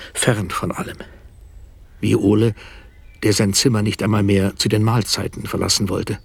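A middle-aged man telling a haunted first-person story to his wife in a radio drama, hushed and often dropping toward a whisper. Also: on the low side, vocal fry, breathy edge, dry recording.

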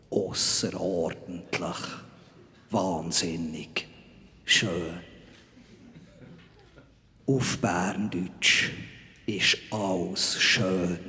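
A man with a Bernese Swiss German accent playing a zealous, scornful male archangel in a live spoken-word stage piece, with slow solemn proclamations that turn into shouted insults. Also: low voice, exaggerated voice. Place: stage in front of a live audience. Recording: live hall with long reverb.

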